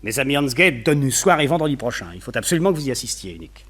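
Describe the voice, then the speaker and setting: Here the same kind of role, an opinionated, well-connected gentleman of society in a French radio detective play, is played as chatty, confiding and drily gossipy. The actor uses a mid-range voice, very animated, at a quick pace. The mood is urgent yet trusting.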